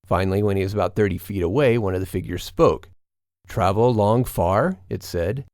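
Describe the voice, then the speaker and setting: Guy narrating a spooky true story, low voice, dry close mic, slow build of suspense. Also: creaky, darkish tone, no room sound.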